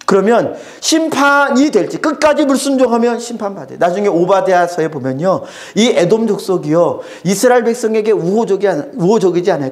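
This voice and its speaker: A man with a high voice preaches a Sunday sermon in earnest. He often acts out the people he quotes, sighing or mocking, and then drops back to a plain pastoral tone.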